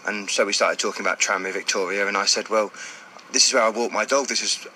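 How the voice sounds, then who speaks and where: A man's voice: fairly low pitch, fairly even intonation, fast, sharp tone, slight background noise, low-quality recording. A man giving informal, step-by-step explanations as an interview guest. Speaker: interview guest, blind cricket player. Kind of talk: casual explanatory interview talk.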